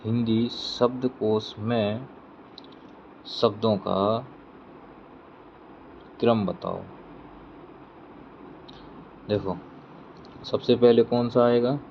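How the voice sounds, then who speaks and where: A man's voice: lowish voice, steady tone, extremely slow, creaky, pauses often. A man teaching an exam-prep grammar lesson. He repeats every question before he answers it himself, and he checks in with his students as he goes. The recording is dull and lo-fi, with faint traffic noise behind him. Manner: explains step by step, checking in with "theek hai".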